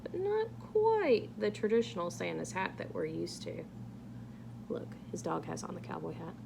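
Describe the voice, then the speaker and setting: A woman with a mid-range voice reads a picture book aloud to children at a normal pace, her pitch swinging widely. She's engaging, dropping casual asides and asking her young listeners questions. Background noise is clearly audible in the recording.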